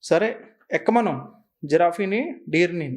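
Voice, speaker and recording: A man's voice: high-pitched, a little slow, noisy background. Man playing a patient jeep-driving uncle. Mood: calm. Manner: patient, reassuring. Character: kindly adult jeep driver uncle. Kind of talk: cartoon voice acting.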